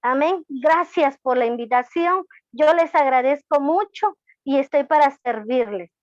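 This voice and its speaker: On an online call, a church deacon from Guatemala shares a hesitant testimony with many fillers, her Guatemalan Spanish accent clear. Her voice sits high and she keeps a measured pace, with no room sound on the dull, lo-fi audio.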